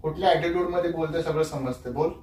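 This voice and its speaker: A man's voice: on the high side, quick pace, darkish tone, a little hiss or hum. A man arguing with his wife in their bedroom at night, demanding to know why she is upset. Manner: puzzled, then irritated and demanding answers. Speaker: husband being pranked. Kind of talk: heated domestic argument. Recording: echoey room, far from the mic.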